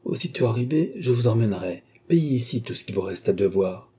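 A man reading an audiobook, voicing a stern and ceremonious young nobleman in a solemn, measured way. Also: medium pitch, expressive, dark tone, husky. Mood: grave.

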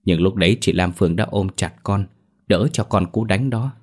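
A man's voice: sits low, moderate pace, darkish tone. A man voicing an earnest, tearful young orphan woman in a spoken storybook.

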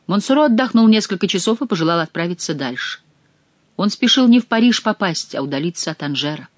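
A narrator reading a classic novel aloud in a close, dry recording with no room sound. The delivery moves between an even telling voice and soft, hushed passages for the quiet moments. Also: medium pitch, fast talker, no echo. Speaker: audiobook narrator.

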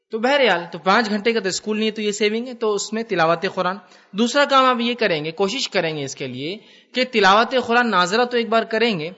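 A man's voice: high-pitched, sharp tone, highs cut off. A man giving a conversational religious lecture to students, asking them questions and mixing English words into his Urdu. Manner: conversational, asks the audience questions. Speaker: Islamic lecturer.

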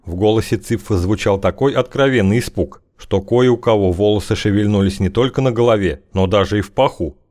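Low-voiced male audiobook narrator. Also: a little fast, hardly any pauses, a little mellow. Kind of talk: scripted narration.

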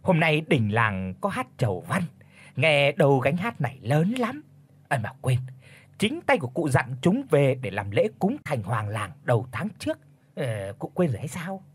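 A man voicing a sly, flattering old village headman who fawns over his superior. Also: medium pitch, normal speed, husky. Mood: fawning. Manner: flattering, obsequious, sniggering.

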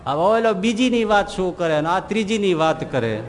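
A swami giving a sermon, telling funny stories and acting out the people in them. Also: male voice, sits high, normal speed. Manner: lively storyteller, acts out characters' lines and chuckles at his own jokes. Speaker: swami giving a scripture discourse. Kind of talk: sermon with humorous anecdotes. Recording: long hall reverb with faint background noise.

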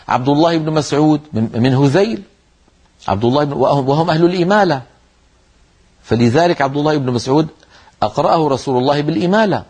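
A man's voice: on the high side, darkish tone, husky. A man teaching Quran recitation in a televised religious lesson, speaking earnestly and demonstrating how verses are read aloud.

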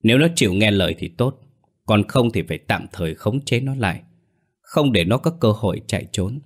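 A man's voice: fairly low pitch, animated, a little fast. A man voicing a domineering older village elder who barks orders in an audio story. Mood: scheming. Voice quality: barking commands.

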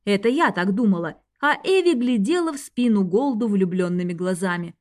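A woman reading a first-person fantasy audiobook in a wry, even storytelling manner. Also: mid-range voice, moderate pace, no room sound, studio quality. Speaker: audiobook narrator.

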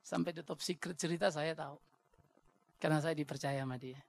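A male pastor with a Batak accent preaching a sermon in a blunt, joking, animated way. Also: on the high side, a little fast, vocal fry. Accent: Batak Indonesian.

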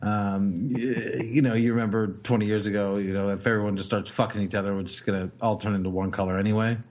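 A man's voice: on the low side, flat delivery, quick pace, darkish tone, muffled recording. A young adult man hosting a podcast in casual chat, rambling and cursing with lots of fillers. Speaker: podcast host.

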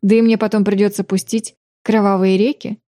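A self-assured young man talks in a playful, teasing way, voiced by a woman in her own voice. Her tone is mellow and unforced. The sound is close and dry. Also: mid-range voice, little pitch movement, fairly quick, no room sound, natural voice.

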